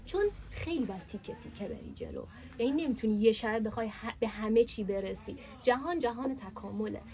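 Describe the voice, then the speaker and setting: A woman teaching a workshop class in a classroom, lively and asking her students questions. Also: a little high.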